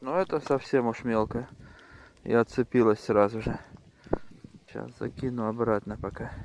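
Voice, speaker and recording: A man giving casual, unhurried commentary on his own fishing in short muttered remarks, recorded outdoors with wind on the mic. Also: mid-range voice, a little mellow, poor audio. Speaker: angler filming own fishing vlog.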